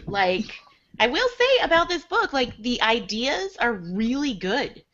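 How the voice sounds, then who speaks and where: A woman's voice: on the high side, very animated, a little slow, fairly bright tone, lo-fi sound. A woman co-hosting a casual book club podcast, blunt and opinionated, swearing casually. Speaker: podcast co-host leading the book discussion.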